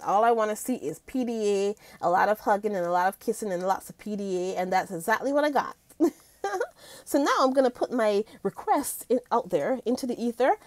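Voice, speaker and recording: A woman vlogging in a loose, chatty way, gushing to her viewers and calling them guys. Her voice sits a little high and swings widely in pitch. The sound is dry and close, with no room echo. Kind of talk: casual commentary chat.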